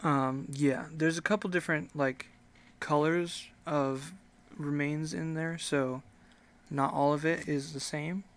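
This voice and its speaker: A man running a tabletop game as game master, improvising casual narration in a halting, hesitant way. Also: on the high side, fairly even intonation.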